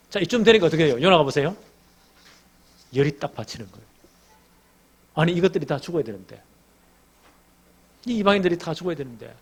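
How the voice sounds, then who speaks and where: A middle-aged male pastor delivering a sermon with lively storytelling and questions to the congregation. His voice is gravelly and husky, pitched somewhat high for a man. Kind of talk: expository sermon.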